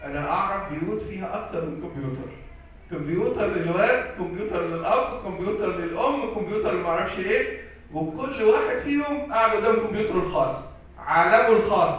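A man's voice: high voice, expressive, quick pace, a bit bright. A man with an Egyptian accent preaching a sermon as a priest, emphatic, repeating key phrases and answering his own questions, recorded from a distance in an echoey hall. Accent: Egyptian Arabic.

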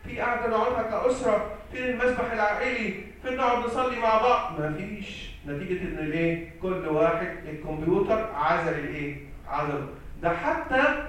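A man's voice: sits high, a bit bright. A man with an Egyptian accent preaching a sermon as a priest, emphatic, repeating key phrases and answering his own questions, recorded from a distance in an echoey hall. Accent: Egyptian Arabic.

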